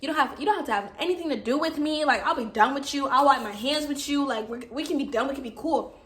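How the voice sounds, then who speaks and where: Young woman vlogger, high and bright, dramatic storyteller who shouts out her quotes. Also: fast talker. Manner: dramatic, acts out quotes loudly. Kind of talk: animated storytelling.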